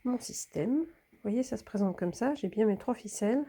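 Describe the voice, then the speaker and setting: With a fairly high, animated voice and a dark tone, a woman speaks at a moderate pace while filming herself handling a hanging plant. This plant vlogger is a bit congested from a slight cold, and her casual, hands-on narration often drops into a whisper.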